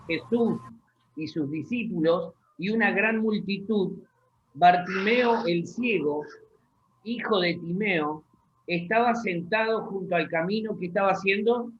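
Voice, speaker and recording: High-voiced pastor preaching. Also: male voice, muffled recording, slight background noise. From Argentina. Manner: slow, deliberate scripture reading with pauses; asks the congregation questions. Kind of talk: sermon. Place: church hall.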